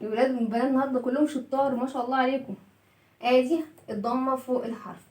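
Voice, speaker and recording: A woman's voice: sits high, steady tone, racing, mellow, reverberant, far from the mic. A woman with an Egyptian Arabic accent teaching young children letter sounds through a story, stretching out each sound in a sing-song way and praising often. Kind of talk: storytelling phonics lesson for children.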